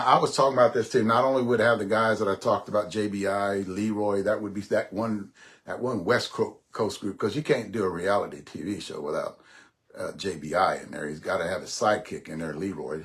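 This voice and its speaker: A man's voice: low-pitched, steady tone, fairly quick, a bit bright. A man in his sixties hosting a podcast in a rambling, casual monologue, often repeating himself and swearing offhandedly. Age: 60s. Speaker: podcast host.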